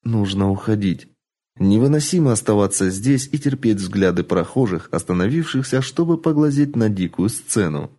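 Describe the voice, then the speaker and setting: Male narrator, dramatic audiobook reading, mellow and lively. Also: fairly low pitch, normal speed. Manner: expressive, dramatic storytelling.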